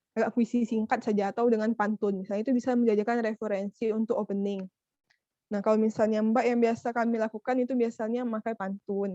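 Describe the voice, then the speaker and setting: A woman's voice: on the high side, dark tone, no echo. A young woman giving an online workshop talk as a trainer, chatty, calling her listeners "Dek". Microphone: video call. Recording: muffled video call audio.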